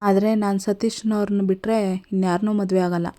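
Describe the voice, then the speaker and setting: A woman's voice: medium pitch, level tone, fairly quick, mellow, close to an everyday voice. A woman voicing a tearful young college girl in love, pleading in her own plain storytelling voice. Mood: upset.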